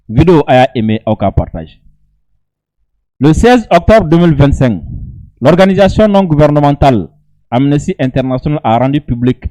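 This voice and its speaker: In a low-quality recording, a man of medium pitch and dark tone reads statements aloud and adds informal comments. An online video commentator with a West African accent and native Bambara, he's emphatic and repeats phrases to stress them.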